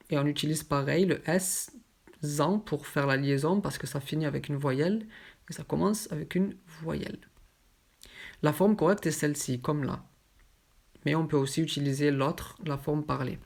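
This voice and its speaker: A teacher giving a grammar lesson, stating each example form slowly and clearly before explaining it. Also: medium pitch, darkish tone. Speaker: French teacher.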